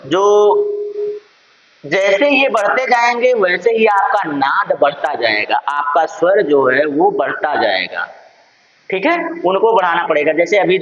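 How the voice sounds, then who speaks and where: A man with a Purvanchal Hindi accent teaches an exam-prep lesson in a fairly high voice. He keeps calling his listeners friends and answers his own questions. The recording sounds dull and lo-fi. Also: a bit bright. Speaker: Sanskrit teacher.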